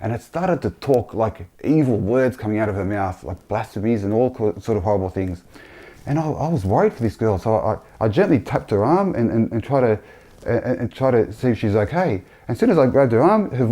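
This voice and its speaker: A man sharing a personal religious testimony in a halting, earnest way, often repeating himself. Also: medium pitch, mellow.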